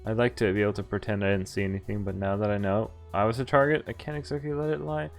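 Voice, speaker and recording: Over the game's background music, a man streams a visual novel, reading its lines aloud and tossing in relaxed, amused, informal remarks. His voice is lowish, steady and creaky, and he talks fast.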